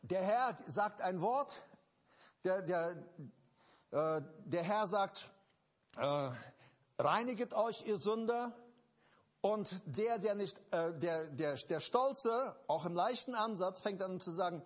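A man delivering a sermon with a high, lively voice that climbs and drops through each point. His tone is husky, and he drives ideas home by repeating them, often stopping to restart a phrase before pressing on. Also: slow. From Germany. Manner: emphatic, repetitive, with frequent restarts and fillers. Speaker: preacher.

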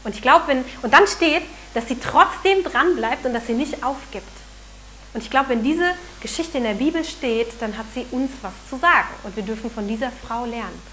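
A woman preaching a sermon in an earnest, animated way, sometimes acting out the voices she quotes. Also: on the high side, normal speed, a little hiss or hum, rough recording.

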